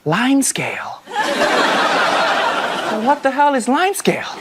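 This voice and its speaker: A man's voice: extremely high pitch, wildly swooping pitch, slow. A man from Malaysia performing a wry, sarcastic stand-up set in a conversational tone. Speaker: comedian. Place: TV studio with live audience. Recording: loud audience laughter and noise.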